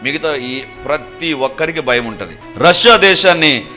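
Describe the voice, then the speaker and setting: Fervent high-voiced man preaching. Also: expressive, measured pace, faint music behind. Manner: fervent, swings between hushed and raised voice, mixes English phrases. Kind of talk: sermon.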